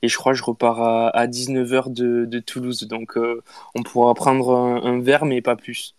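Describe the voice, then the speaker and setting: A man co-hosting a casual chat, speaking in a calm, even way. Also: medium pitch, moderate pace, smooth, dry recording. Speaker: co-host.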